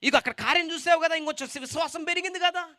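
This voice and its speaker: A man voicing Jesus as a commanding, almighty figure who proclaims loudly. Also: very high voice, fast, no room sound, studio quality, voice pushed up, heavily acted. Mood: questioning. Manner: loud, proclaiming.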